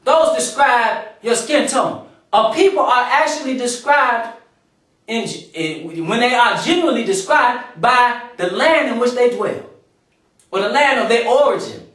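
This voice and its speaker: A man's voice: extremely high pitch, expressive, a little slow, a bit bright. A man preaching a sermon, reading scripture aloud and explaining it, repeating phrases for emphasis. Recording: echoey room from far off.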